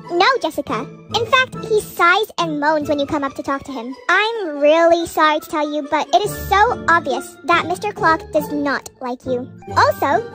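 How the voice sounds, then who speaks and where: A young woman ranting in a chatty, exasperated vlog monologue. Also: very high voice. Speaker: vlogger. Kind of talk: relatable storytime monologue.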